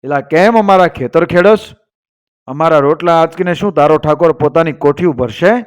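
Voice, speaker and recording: A man's voice: on the high side, normal speed, clean tone, close to an everyday voice. A man voicing a stern male outlaw leader who speaks in commands.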